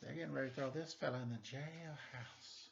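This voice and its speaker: A man reads a children's story aloud with expression, tossing in casual explanations for young listeners. His voice is medium-pitched, fairly quick and marked by vocal fry, and the lo-fi recording sounds dull with a little hiss or hum.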